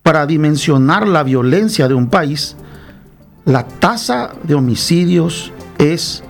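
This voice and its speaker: A Paraguayan-accented man delivers a combative opinion monologue at an unhurried, weighty pace. His voice sits fairly high and has a gravelly edge. Faint music plays quietly behind him. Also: lively intonation. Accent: Paraguayan Spanish. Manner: combative, emphatic, acts out little dialogues. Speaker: political commentator.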